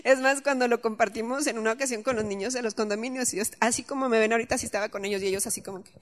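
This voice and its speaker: A woman giving a church talk and prayer, telling stories in an animated way and acting out what people said. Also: on the high side, very fast, in a large hall. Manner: animated storytelling, acts out quotes. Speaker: church teacher.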